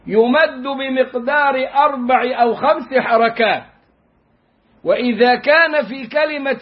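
A man with a strikingly high voice teaches recitation, stretching each word long and slow as he demonstrates. His lilt shows in the asides. The sound is a little dull and muffled. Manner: slow, drawn-out demonstrative chanting of phrases. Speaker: religious teacher. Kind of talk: recitation lesson.

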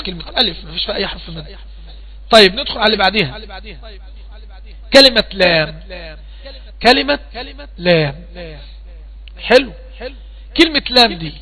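A man with an Egyptian accent leads a tajweed lesson, his voice high and bright. He questions his students patiently and goes over each point again and again. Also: low-quality recording. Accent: Egyptian Arabic. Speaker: Quran recitation teacher.

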